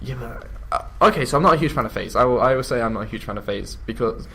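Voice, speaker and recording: A man's voice: mid-range voice, lively intonation, quick pace, vocal fry, bright, forceful tone, slightly rough. A young man with an English accent, a gamer chatting casually, rambling and laughing as he talks. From England. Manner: chatty, drifts into mock voices and laughs. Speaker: YouTube gamer. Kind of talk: casual chat.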